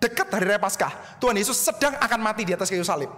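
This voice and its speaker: A man's voice: sits high, lively intonation, fast talker, fairly bright tone, in a large hall. A male pastor preaching a sermon, addressing listeners directly and mixing English words into his speech.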